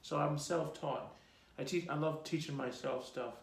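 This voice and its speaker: A man in his fifties with a Jamaican accent, telling his life story in a relaxed, rambling interview with many ums. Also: a little high, moderate pace. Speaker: host being interviewed by his daughter. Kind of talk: casual personal interview. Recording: echoey room.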